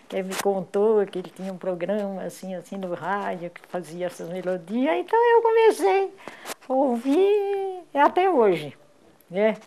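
A woman's voice: medium pitch, a little mellow, a little hiss or hum. An older woman from Brazil, a longtime listener of a radio show. She speaks plainly and reflectively in an interview. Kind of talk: interview recollection.

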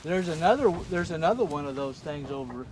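A man's voice: fairly high pitch, lively intonation, brisk, darkish tone. A man, chatting casually and easily while helping out on the farm. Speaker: farm co-host. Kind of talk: casual chat. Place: outdoor farmyard. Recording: noisy outdoor farm, chickens clucking. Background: chickens and rooster.

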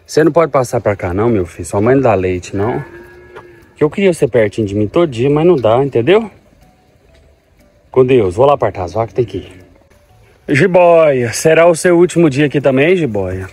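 A man's voice: mid-range voice, animated, brisk, pauses often, darkish tone, husky, faint music behind. Tender farmer talking to his cows. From Goiás, Brazil. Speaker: farmer and vlogger. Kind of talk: casual farm vlog. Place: outdoors on a farm, by a corral.

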